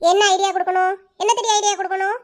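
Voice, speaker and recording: A bossy young village neighbor, voiced by a woman, fires off words in a very high, fast voice. She scolds sharply but means well. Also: fairly bright tone. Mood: scolding. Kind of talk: cartoon voice-over.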